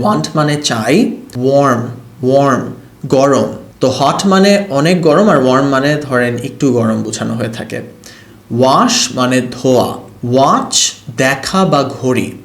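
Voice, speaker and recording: A man teaching English to beginners. He says English words slowly and clearly, then explains them quickly in Bengali. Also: medium pitch. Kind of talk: video lesson for beginners. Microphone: laptop setup. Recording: roomy echo.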